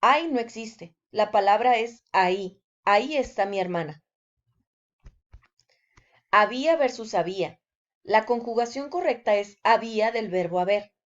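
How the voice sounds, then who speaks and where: A woman, giving a scripted language lesson in a deliberate way, with example sentences. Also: a little high, lively intonation, lo-fi sound. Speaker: language teacher.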